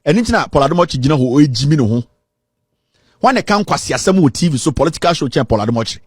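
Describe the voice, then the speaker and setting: A man's voice: a little high, expressive, quick pace, husky, dry recording, clean studio sound. A man, giving heated commentary on the radio with lists of complaints.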